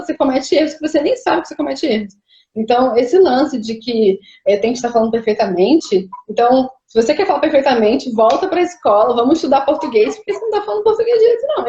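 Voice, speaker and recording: A high-voiced woman from Brazil chats in an animated, argumentative way and keeps asking rhetorical questions. Her audio is echoey and a little dull, as if it comes from a remote call. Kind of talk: casual chat.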